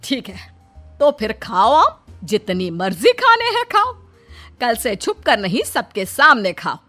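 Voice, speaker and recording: Cartoon mother-in-law, bossy and nosy, swings way up when angry, bright piercing tone , voiced by a woman. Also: huge pitch swings, measured pace, faint music behind, heavily acted. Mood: scolding. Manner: nagging, shrill outbursts. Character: scolding nosy middle-aged mother-in-law. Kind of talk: Hindi cartoon voice acting.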